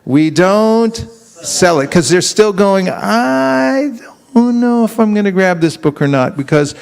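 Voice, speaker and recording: A man with a slightly higher-pitched voice is teaching a live seminar. He keeps throwing questions at the room and slips into little acted-out exchanges to show how a conversation goes. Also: expressive, slow, gravelly, a little mellow, clear, resonant tone. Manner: keeps quizzing the audience with questions; acts out street exchanges in quoted voices.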